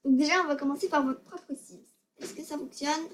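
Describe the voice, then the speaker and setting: A woman's voice: high voice, steady tone, a little fast, noisy background. A female gaming video maker giving casual tutorial commentary, hesitant and self-conscious, often stammering and repeating words.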